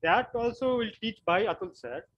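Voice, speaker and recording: A man from West Bengal with an Indian English accent, giving an online physics class and explaining slowly with frequent repetitions. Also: high voice, a bit bright, lo-fi sound. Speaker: physics lecturer.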